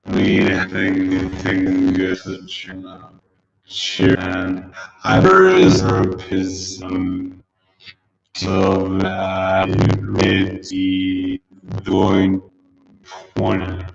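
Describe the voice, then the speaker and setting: A man joining a livestream call whose audio is slowed down and deepened by a glitch, his speech slurred and garbled. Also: flat delivery, gravelly, faint music behind. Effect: slowed down, deepened audio from a stream glitch. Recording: dull, echoey lo-fi call audio.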